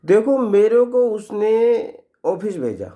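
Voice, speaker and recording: A man's voice: high voice, sing-song, takes it slowly, mellow, pitched above the performer's own voice, full character voice. A man voicing a male servant who complains with scorn about his master. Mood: scornful.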